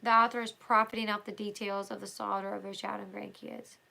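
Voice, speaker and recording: A hoarse woman hosting a livestream reads a book aloud and chats casually with viewers, speaking loosely with fillers and restarts. Her mid-range voice sounds pushed and bright, with a level tone and a fairly quick pace, captured in a low-quality recording.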